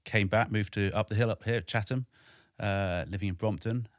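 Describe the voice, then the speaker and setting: A man in his forties from Wales, a podcast guest talking in a measured, matter-of-fact way in a home studio. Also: on the low side, steady tone, dry recording. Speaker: podcast guest, army veteran. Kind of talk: casual interview.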